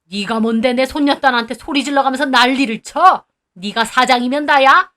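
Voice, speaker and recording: A stern old grandfather, as a woman narrator puts him on, scolding in slow, firm words. The voice stays fairly high, with a raised pitch. It is a storybook reading. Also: bright, forceful tone. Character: proud, angry old grandfather who owns the building.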